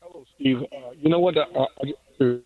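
A man calling in to a radio show on a bad phone connection, his voice breaking up and cutting in and out as he haltingly starts his question. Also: a little high, wildly swooping pitch, gravelly. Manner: halting, restarts his words. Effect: phone signal breaking up, voice cutting in and out. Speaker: caller. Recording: tinny phone line cutting in and out.

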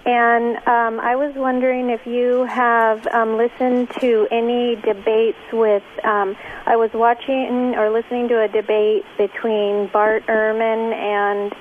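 Woman, radio show caller, tinny phone line, slightly high voice, hesitant with many ums. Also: little pitch movement, takes it slowly, few pauses, slight background noise.

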